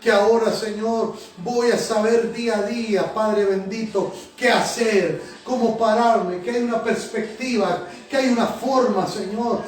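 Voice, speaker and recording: A man's voice: sits high, steady tone, measured pace, few pauses. A man, pastor and prophet, preaching and praying fervently, repeating Señor and Padre between phrases. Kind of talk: sermon and spoken prayer. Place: church sanctuary. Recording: echoey church hall from a distance. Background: soft music.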